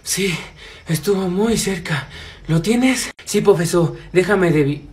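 A man acting in a comedy adventure skit, talking urgently and sometimes hushed. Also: sits high, takes it slowly.

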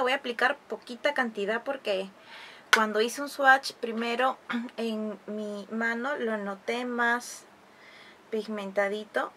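A woman's voice: fairly high pitch, a bit bright, a little hiss or hum. A woman vlogger, chatting through a makeup review and tutorial, fond of diminutives. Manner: chatty, explanatory, uses many diminutives. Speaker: beauty vlogger.

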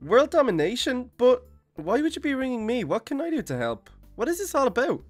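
A man playing a friendly, excitable young turtle teacher in an improvised video game roleplay, chatty and casual. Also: very high-pitched, a little fast, dry recording, faint music behind, full character voice. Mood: surprised, concerned.

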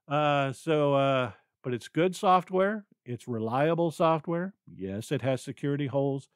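Male podcast host, mid pitch, rambling and stammering, dead-dry close-mic sound. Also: no echo. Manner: rambling, stammering with many fillers. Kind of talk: unscripted solo podcast talk.

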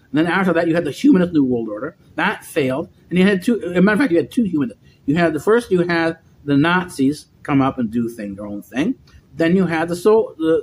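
High-voiced middle-aged man lecturing. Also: slight background noise. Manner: lecturing, with frequent restarts and repeated words. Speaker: vlogger. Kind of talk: rambling monologue. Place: dim indoor room.

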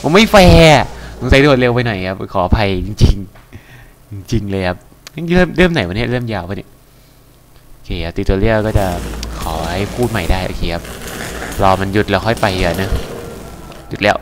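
A man's voice: lowish voice, expressive, moderate pace, pauses often. A man giving casual, crude, joking commentary while playing a game and translating its lines. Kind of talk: casual let's-play commentary. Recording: game music playing underneath. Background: game music.

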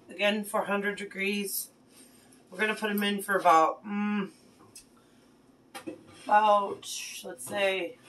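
Her voice is mid-range and a bit bright, and the poor audio carries a little hiss or hum. A woman in her thirties chats casually while cooking with her daughter at home, praising her often, filmed on a phone camera on the counter amid clear clatter of dishes and pans.

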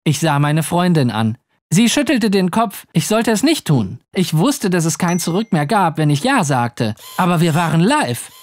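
A narrator reading a scripted first-person story in an expressive way. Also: mid-range voice, normal speed, no room sound.

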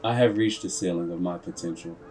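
A low-pitched male video narrator reads a scripted story as a computer processor recounting its own life, cast as a proud, grave machine. His delivery is solemn, deliberate and a little mellow, with dramatic pauses, and music plays clearly beneath the voice-over.

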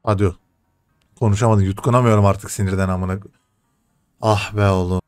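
Excitable young man commentating his own game. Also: low-pitched, fairly quick, soft background music. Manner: excitable, swears and shouts at the game. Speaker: gaming streamer. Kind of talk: live gameplay commentary.

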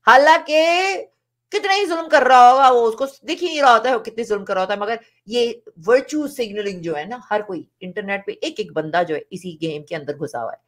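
A woman's voice: a little high, brisk. A woman gives opinionated reaction commentary in a vlog. Her delivery is emphatic and repetitive, hammering points home and slipping in English phrases. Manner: emphatic, repetitive, switches between Hindi and English. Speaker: reaction vlogger.

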